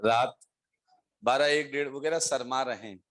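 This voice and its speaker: A middle-aged man teaching chemistry, telling a lively story to his students and laughing as he acts out the voices of the people in it. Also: mid-range voice, moderate pace.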